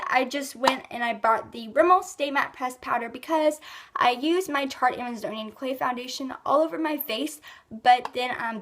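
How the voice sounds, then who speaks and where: Teen girl beauty vlogger, high voice, slightly sick and rough, chatty with fillers. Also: fairly bright tone. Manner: chatty, lots of ums and likes. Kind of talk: casual rambling product review.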